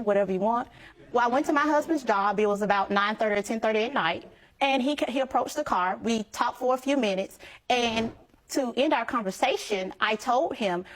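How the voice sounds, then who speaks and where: A woman's voice: fairly high pitch, low-quality recording. A woman testifying as a wife in a court show case, sassy and emphatic, often repeating "Your Honor".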